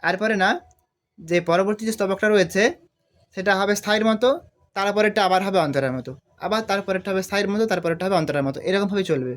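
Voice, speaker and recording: A man teaching a devotional song on harmonium, explaining the notes step by step and singing drawn-out phrases. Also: high voice. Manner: explains slowly, then sings drawn-out phrases. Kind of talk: step-by-step music tutorial. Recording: harmonium loud under the voice.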